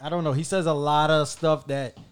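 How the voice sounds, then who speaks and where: This podcast host has a fairly high, smooth voice with fairly even intonation, talking a little fast. He chats casually and laughs often before recording, fiddling with gear in a small closed room. He's laid-back and speaks into a headset studio mic.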